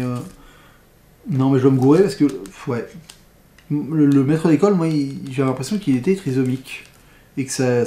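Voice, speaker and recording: A man's voice: on the high side, mellow, roomy sound. A man giving casual commentary on a box of films, blunt and slangy, full of rambling asides. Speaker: film critic vlogger.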